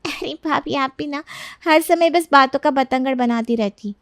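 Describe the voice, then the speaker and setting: A woman's voice: sits high, moderate pace, no echo, clean studio sound. A woman voicing a kind, obliging young woman in a cartoon story, talking sweetly and always ready to help. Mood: fretting.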